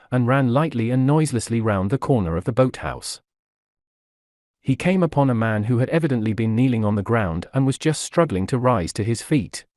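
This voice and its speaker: A man reading a novel aloud as narrator in a measured, even manner. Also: medium pitch, dry recording, clean studio sound. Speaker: audiobook narrator. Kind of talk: scripted narration.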